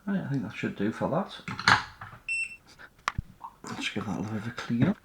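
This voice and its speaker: With a noisy background and echoey room sound, a repair channel host talks through his bench work indoors, casually and tentatively thinking out loud. His fairly low, creaky voice has a sing-song lilt at a moderate pace.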